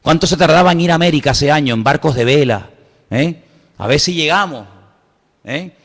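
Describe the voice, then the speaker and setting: A middle-aged man with a Spain Spanish accent preaching a sermon as pastor, animated, with rhetorical questions and sudden soft asides. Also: a little high, moderate pace. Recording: church hall with long reverb.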